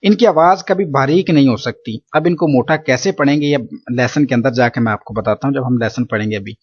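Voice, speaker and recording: A man's voice: medium pitch, slightly rough, muffled recording. Man teaching recitation, patient and repetitive. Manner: patient, repeats points with "theek hai". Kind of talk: explanatory lesson.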